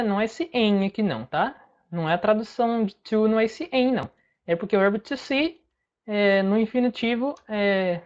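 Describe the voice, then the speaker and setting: Brazilian woman, English teacher, mid pitch, patient step-by-step explainer, slightly muffled audio. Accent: Brazilian Portuguese. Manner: patient explaining, breaks phrases word by word. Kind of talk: online language lesson.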